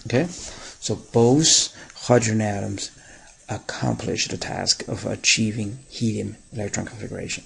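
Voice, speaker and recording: Raspy gravelly guy teaching chem, lowish voice, slow careful explaining w lots of uh's. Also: poor audio. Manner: patient step-by-step explaining with frequent pauses and fillers; stresses key words. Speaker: chemistry teacher. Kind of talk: recorded lecture.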